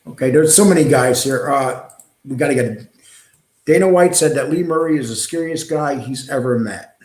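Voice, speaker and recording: A man's voice: medium pitch, moderate pace, darkish tone. A middle-aged man from New hosts a casual live stream, rambling and reading chat with frequent ums and uhs. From New York. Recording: echoey room.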